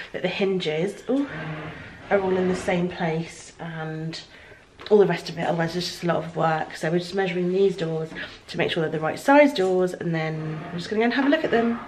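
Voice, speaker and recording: A chatty British woman in her thirties talks casually to a handheld camera held at arm's length, her voice sitting a little low. A faint hum of background noise runs underneath. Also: fairly quick, low-quality recording. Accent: British English. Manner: chatty, talking to camera while walking around. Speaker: vlogger. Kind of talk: casual vlog chat. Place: house under renovation, indoors.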